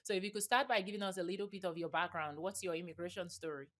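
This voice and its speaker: A woman hosting a podcast interview, speaking in a clear, measured way. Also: fairly low pitch, fairly even intonation, a bit bright. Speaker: podcast host.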